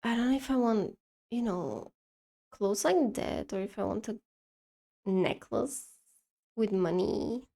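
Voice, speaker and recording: A young woman streaming while she draws, chatting casually to her viewers in a rambling, excitable way that keeps breaking off mid-sentence. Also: mid-range voice, takes it slowly, creaky, pauses often. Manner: rambling, self-interrupting, excitable.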